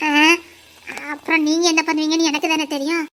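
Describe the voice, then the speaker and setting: A woman's voice: high-pitched, little pitch movement, brisk, fairly bright tone. A young woman playing a sulky, tender village sweetheart in a web series drama, talking in a tearful, pleading way. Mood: shy, playful. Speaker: actor.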